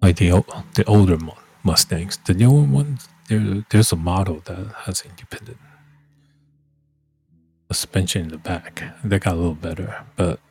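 A man chats casually as a livestream host, rambling in a halting way and repeating words and phrases. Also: low-pitched, creaky, warm tone, breathy edge.

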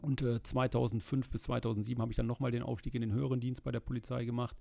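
A middle-aged man from the Rhineland, answering questions in a casual interview, fluent and steady with frequent filler sounds. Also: mid-range voice, gravelly. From Germany, Rhineland. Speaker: interview guest, state politician.

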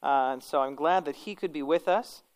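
A woman pastor with a deep, darkish voice speaks at a moderate pace, leading an informal church class. Her manner is kindly and conversational, and she corrects herself as she teaches and prays.

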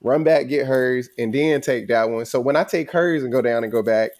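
A man's voice: medium pitch, moderate pace, a little mellow. Man, travel vlog co-host, mid-range voice, rambling and casual. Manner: rambling, many fillers, loose slang. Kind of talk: casual storytelling.

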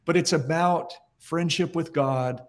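Emphatic middle-aged pastor, fairly high voice. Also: male voice, measured pace. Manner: earnest storyteller, emphatic and conversational. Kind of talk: podcast interview storytelling.

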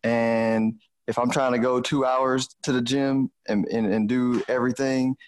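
With a mid-range, level voice and an unhurried pace, a Houston-accented man hosts a podcast in relaxed, conversational talk. A financial advisor by trade, he speaks colloquially and frequently says "you know."

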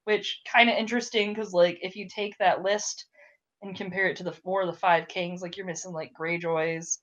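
A woman's voice: on the low side, steady tone, normal speed, a bit bright, highs cut off. A young woman hosting a podcast, chatting casually and ranting with frequent swearing. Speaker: podcast host.

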